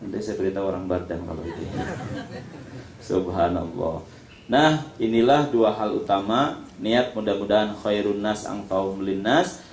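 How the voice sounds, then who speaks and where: Lively preacher. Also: male voice, on the low side, moderate pace, long pauses, slight background noise. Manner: lively, joking, calls on listeners by name. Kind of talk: sermon. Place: prayer hall. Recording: echoey hall, faint ambience.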